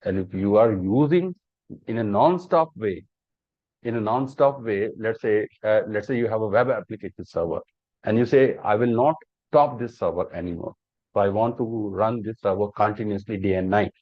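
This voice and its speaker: In dull, dry lo-fi online class audio, a man with a fairly low voice speaks at a moderate pace. He's teaching cloud computing live over the internet, breaking things down step by step with plenty of repetition and rhetorical questions.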